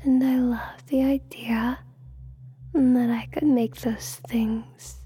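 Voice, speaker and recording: A woman whispers a role-play as a teasing, controlling hypnotist, very close to the microphone as if right in your ear. Her whisper is dark and soft, with little rise or fall. She lets the phrases out slowly and suggestively. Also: fairly high pitch, little pitch movement, breathy edge. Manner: slow, unhurried, suggestive delivery.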